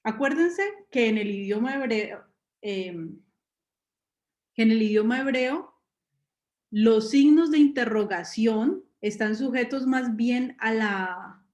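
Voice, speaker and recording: A woman preaches to a live congregation with a fairly high voice that rings through an echoey room. She keeps it conversational, putting rhetorical questions to her listeners and reaching for homely everyday examples. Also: slow pace, a little mellow. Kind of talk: conversational sermon. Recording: roomy echo.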